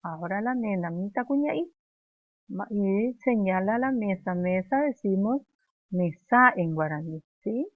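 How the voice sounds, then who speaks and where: A woman's voice: medium pitch, animated, a little slow, no echo. A woman teacher giving a first-grade language lesson, patiently modeling words for pupils to repeat. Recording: thin phone-like sound.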